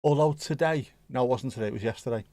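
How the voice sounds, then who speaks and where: This is a man from around Liverpool, England, speaking with a Scouse accent while hosting a livestream; he chats casually with viewers, reacting to the chat and sometimes joking or swearing. His voice sits at medium pitch, warm and quick, in studio-quality audio with no room sound.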